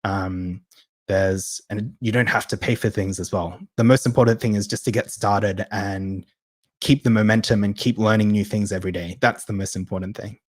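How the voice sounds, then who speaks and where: Chatty low-voiced man answering questions. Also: fairly even intonation, moderate pace, no echo. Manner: chatty, reads out viewer questions, many ums and restarts. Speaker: host of a live Q&A session. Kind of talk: casual live-stream Q&A.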